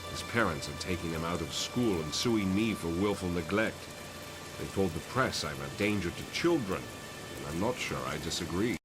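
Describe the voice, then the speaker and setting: An actor playing an older, guilt-ridden professor in a motion comic, speaking in a grave, measured, eloquent way. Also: male voice, sits low, lively intonation, over music. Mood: despairing. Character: weary, guilt-ridden older male professor and mutant mentor.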